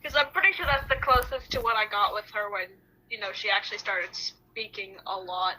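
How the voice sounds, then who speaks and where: A woman's voice: mid-range voice, brisk, sharp tone, low-quality recording. A woman playing a tabletop game, chatting casually and joking with the group. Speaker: player. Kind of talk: casual chat.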